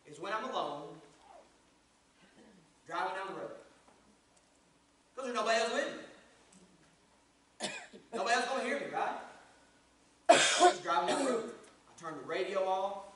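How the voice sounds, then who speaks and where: A man preaching a sermon as pastor, swelling to emphatic bursts and then dropping low. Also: lively intonation, normal speed, pauses often, a bit bright, a little hiss or hum. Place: church sanctuary. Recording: echoey sanctuary from far off.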